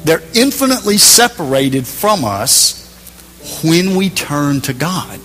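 A man preaching in a church, his voice sitting a little high as he presses his points hard and then drops low. Long reverb trails his words through the hall, with faint music underneath. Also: very animated, slow. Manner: emphatic, shifting between raised and hushed delivery. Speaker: pastor. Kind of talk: sermon.

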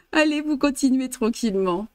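A French woman in her fifties with a French accent teaches embroidery on a live-streamed stitching lesson, chatting away, laughing often, and slipping into English and Spanish. She is in an indoor studio with a blue backdrop, and her high-pitched voice carries no room sound.

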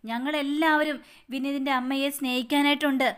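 A woman voicing a gentle middle-aged mother who consoles others slowly and softly. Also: high-pitched, level tone. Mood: consoling. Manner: slow, soothing.

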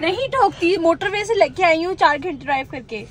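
A woman's voice: very high voice, expressive, a little fast, slight background noise. A woman, teasing and pleading in casual chat and tossing in English phrases. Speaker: vlogger's wife.

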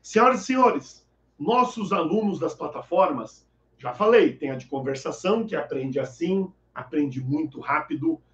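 A man's voice: on the high side, normal speed, echoey room, lo-fi sound. A man teaching Arabic in a chatty live online class, joking and reading viewers' names from the chat. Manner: lively, joking, reads chat names aloud.

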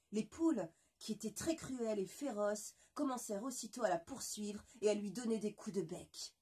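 Husky woman telling a bedtime story. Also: on the high side. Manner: soft, expressive read-aloud, addresses children fondly.

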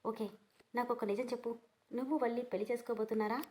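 Woman reading a sharp, quick-tempered young mother. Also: a little high, little pitch movement, close to an everyday voice, rough recording. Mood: bitter. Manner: sharp, indignant.

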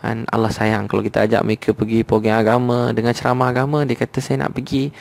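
A man's voice: fairly low pitch, little pitch movement, quick pace, creaky. A man with a Malaysian Malay accent preaching a sermon in an earnest, storytelling way. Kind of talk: religious sermon.

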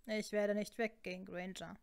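A woman's voice: medium pitch, little pitch movement, moderate pace, vocal fry, a little mellow, clear, resonant tone, natural voice. Woman voicing a sarcastic young wizard. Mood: snide. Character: snarky, stubborn young wizard man.

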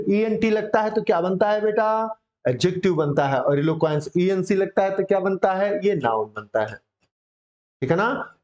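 High-voiced encouraging teacher. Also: male voice, darkish tone. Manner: encouraging, calls students beta, repeats words for drilling. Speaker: English vocabulary teacher. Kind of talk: online coaching class. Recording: dull lo-fi sound.

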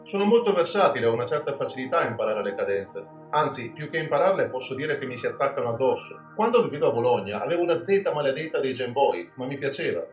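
A man's voice: medium pitch, very animated, fast, hardly any pauses. A man from Veneto, a podcast host delivering a scripted, ironic and self-mocking monologue. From Veneto, Italy. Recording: roomy sound with background music.

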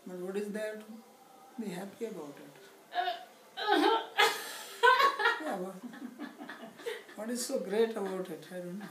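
A middle-aged man teaching a scripture class, speaking slowly and deliberately with wry humor and recited Sanskrit verses, recorded from a camera across a living room. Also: high-pitched, sing-song. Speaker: spiritual teacher. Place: indoor living room, seated on a sofa. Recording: echoey room with background noise.

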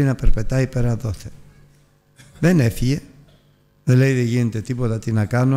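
A man of ordinary pitch teaches a Bible lesson with a gravelly edge to his voice. He retells a scripture story earnestly, pushing key words up and letting others fall. He speaks to his listeners as brothers. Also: mellow. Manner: earnest storytelling with emphatic rises and drops.

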